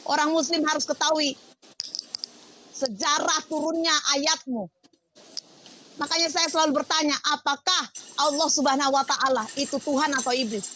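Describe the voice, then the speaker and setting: A woman's voice: high voice, normal speed, pauses often, sharp tone, a little hiss or hum. A woman pastor preaching on a livestream, confrontational and firing off rhetorical questions.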